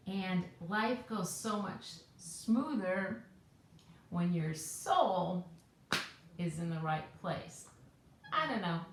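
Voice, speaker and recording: A woman's voice: mid-range voice, a little hiss or hum. A woman hosting a weekly devotional video, telling a story in a casual, chatty way with frequent "right?" asides. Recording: very echoey room.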